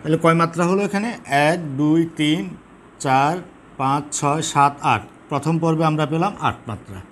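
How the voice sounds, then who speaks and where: A man teaching a lesson on poetic meter, explaining patiently, repeating key terms and counting syllables slowly. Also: on the high side, a bit bright. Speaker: Bengali literature teacher. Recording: faint background noise.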